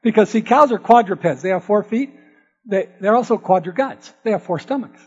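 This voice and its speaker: Folksy high-voiced preacher in a hall. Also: male voice, fairly quick, a little mellow, husky, faint music behind. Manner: folksy, playful, addresses the audience. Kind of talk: sermon with storytelling. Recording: dull audio with long hall reverb.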